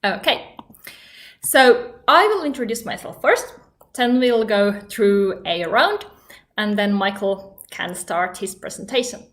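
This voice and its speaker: Slow-talking upbeat woman from Finland. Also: medium pitch, expressive, fairly bright tone. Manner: upbeat, giggly, hesitant. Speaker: host. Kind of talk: live online panel introduction.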